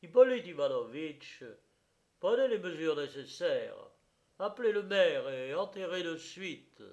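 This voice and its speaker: A man's voice: on the high side, animated, a little slow, highs cut off, voice pushed up. A man doing a curt, commanding magistrate.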